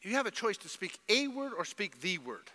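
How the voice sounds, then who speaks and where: Emphatic preacher in a church hall. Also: male voice, high-pitched, sing-song, normal speed, sharp tone. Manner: emphatic preaching with mimicked voices. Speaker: pastor. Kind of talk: sermon.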